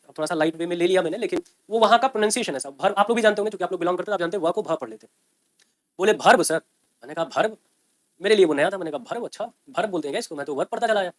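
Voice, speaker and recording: A man teaching a grammar lecture, explaining step by step and often checking with his students. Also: sits high. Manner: explains by repeating and checking with "ठीक है ना?".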